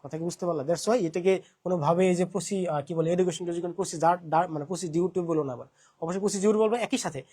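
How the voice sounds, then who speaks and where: A man's voice: high-pitched, quick pace, dark tone, husky. A young man with a Bangladeshi Bengali accent teaching an admission-prep English lesson, asking questions and repeating his points.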